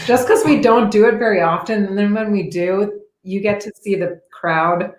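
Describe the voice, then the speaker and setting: A woman's voice: medium pitch, normal speed, reverberant. A woman chatting casually in a shy way, laughing lightly as she answers. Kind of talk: casual chat.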